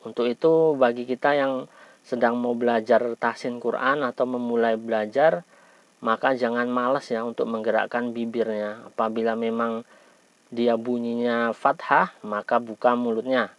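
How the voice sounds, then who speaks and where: An Indonesian man teaching a recitation lesson, over-enunciating sounds and syllables with deliberate emphasis in a patient, encouraging way. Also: medium pitch, steady tone, no room sound, lo-fi sound. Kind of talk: instructional tajwid lesson.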